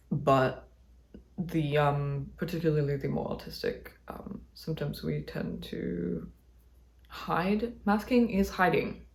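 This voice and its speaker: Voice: mid-range voice, vocal fry. An interviewee talking in a chatty, digressive and wry way. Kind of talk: personal reflection.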